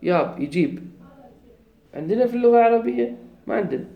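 A man with a Kuwaiti accent lectures on grammar, laying out each point step by step. His voice moves up and down animatedly as he pauses to check his students are following. The room around him rings with echo. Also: very high voice, expressive, creaky, phone-quality sound. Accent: Kuwaiti Arabic. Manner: explains step by step, often checks understanding. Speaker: grammar teacher. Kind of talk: classroom lecture. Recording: echoey room.

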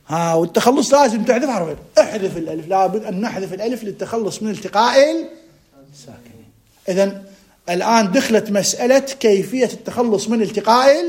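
A man with an Iraqi Arabic accent teaching a grammar class, quizzing his students with quick rhetorical questions and drawing out key words for emphasis. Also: high-pitched, darkish tone. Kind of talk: classroom lecture.

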